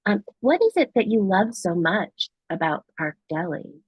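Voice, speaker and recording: Woman doing an eager deli podcast host, slightly husky, dull dry sound. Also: mid-range voice, big pitch swings, normal speed, no room sound. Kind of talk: improvised comedy podcast.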